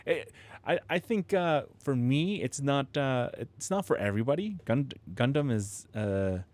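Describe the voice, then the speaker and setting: An expressive man with a darkish, mid-range voice speaks a little slowly. He's a livestream host building model kits at home, rambling to viewers with many restarts and fillers and chuckling often. Close studio miking adds proximity effect.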